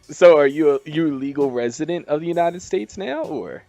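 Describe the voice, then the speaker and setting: A man's voice: fairly high pitch, lively intonation, normal speed, gravelly, dark tone, no room sound, lo-fi sound, faint music behind. A man hosting a radio show, interviewing a guest in a casual, laid-back way with loose, rambling questions. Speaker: radio host.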